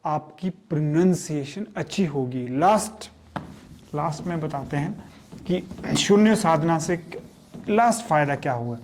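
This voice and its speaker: A man teaching communication skills, speaking slowly and deliberately, asking questions and then answering them himself. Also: a little high, lively intonation, a little mellow, slight background noise. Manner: slow, deliberate teaching delivery, drawing out and repeating key words; mixes English terms into Hindi explanations. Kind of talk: spoken lesson on communication skills.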